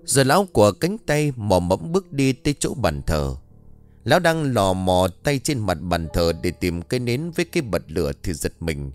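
A man's voice: lowish voice, sing-song, normal speed, soft background music. A man narrating a scripted horror story in a dramatic, vivid storytelling manner.

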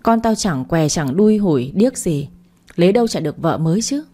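A fast, hectoring older mother-in-law, as a woman puts her on, spitting insults in a relentless tirade. The voice stays low and mellow even as it rages. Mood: furious. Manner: shrill scolding tirade.

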